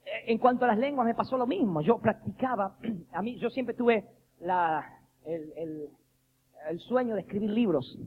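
A man preaches in a lively, joking storytelling style and acts out the voices he quotes. His voice sits high. The recording sounds dull and lo-fi, with faint noise behind him. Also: moderate pace.

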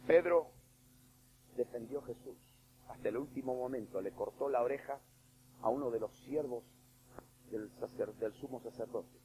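A male preacher delivers a sermon in a mellow, relaxed-toned voice of middling pitch. He is emphatic, dropping to a hush and then rising to loud, pressing points with direct questions to the congregation. A faint hiss sits under the recording. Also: normal speed, low-quality recording. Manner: swings between hushed and loud.

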